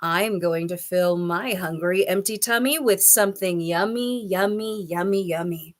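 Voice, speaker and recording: A woman's voice: lowish voice, unhurried, close to an everyday voice. A woman voicing a greedy, sly male crocodile from a children's storybook, gloating and relishing every menacing word. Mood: sly, scheming. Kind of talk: children's storybook character reading.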